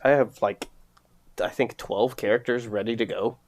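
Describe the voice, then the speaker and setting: A man's voice: medium pitch, fairly even intonation, normal speed. A man acting as game master, loosely rambling through plans for the next sessions in casual chat over a voice call. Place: home, streaming online.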